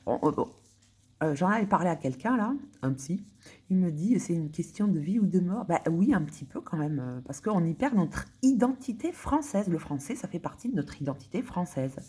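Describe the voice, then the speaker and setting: A woman's voice: lowish voice, animated, normal speed, warm tone, slightly rough. A woman from France thinking aloud in a casual monologue, muttering and whispering to herself as she searches for words, with indignant outbursts. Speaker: vlogger.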